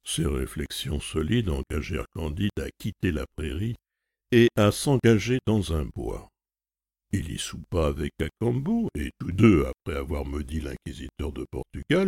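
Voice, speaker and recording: Male reader for a classic novel, deep dark voice, dry close sound. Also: vocal fry, slightly rough, no echo. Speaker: audiobook narrator.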